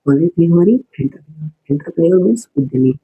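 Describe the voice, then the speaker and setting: A man's voice: on the high side, animated, racing, phone-quality sound, a little hiss or hum. A man teaching an exam-prep spelling lesson, repeating each word, spelling it out letter by letter and explaining its meaning to viewers.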